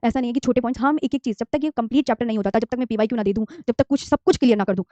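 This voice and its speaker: A woman's voice: on the high side, very fast, dark tone, dry recording. A woman in her thirties teaching a geography lesson, coaxing her students, repeating key terms and asking them to say them along. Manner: calls students "dear children", mixes English terms into Hindi. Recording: dry, slightly dull lo-fi mic.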